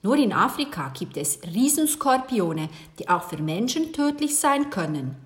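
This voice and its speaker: A woman's voice: fairly high pitch, sing-song, a little slow. A woman voicing a genial injured uncle. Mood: chatty. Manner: chuckling, chatty. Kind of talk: children's audiobook reading.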